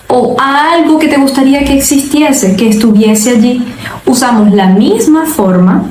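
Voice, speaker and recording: A young woman teaching a Spanish lesson online, explaining in a lively, playful way. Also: on the high side. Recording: echoey room with faint noise.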